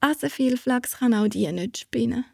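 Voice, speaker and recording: Storybook figure: whining lazy girl, played by a woman narrator, high and tearful, breathy, close and dry. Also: moderate pace, mellow, no room sound, exaggerated voice. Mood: wailing. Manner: high whiny wailing, stammering. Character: lazy young girl, weepy and wailing.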